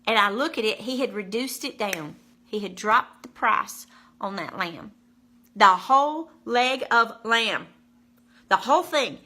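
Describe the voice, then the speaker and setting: A woman's voice: mid-range voice, lively intonation, unhurried, pushed and bright. A woman telling a personal faith testimony in a casual, emphatic way, repeating key numbers for effect. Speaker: vlogger sharing a faith testimony.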